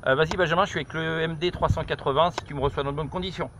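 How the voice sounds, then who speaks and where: Speaking very fast in a fairly high pitch with fairly even intonation, this middle-aged man is field-testing a handset as an amateur radio operator. He makes informal radio calls, hesitating and repeating himself, on a high lookout above the countryside. The noisy outdoor phone-camera recording, held just behind his shoulder, has clicks.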